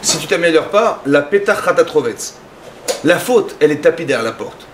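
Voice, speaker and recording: A man giving a lively sermon as a rabbi, acting out little dialogues in his talk. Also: moderate pace, a little hiss or hum. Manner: animated, acts out dialogues with rising pitch.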